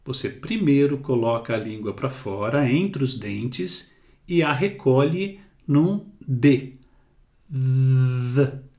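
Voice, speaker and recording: Very slow, deliberate male teacher. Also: medium pitch, animated, darkish tone, roomy sound. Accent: Brazilian Portuguese. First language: Portuguese. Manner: slow, deliberate, repeating words for drilling. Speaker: English teacher. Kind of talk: slow pronunciation lesson.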